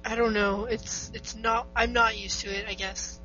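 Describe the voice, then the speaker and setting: A woman's voice: on the high side, flat delivery, normal speed, sharp tone. A teenage girl co-hosting a casual chat over an online call, teasing and swearing freely. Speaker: podcast co-host. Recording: muffled lo-fi call with faint hum.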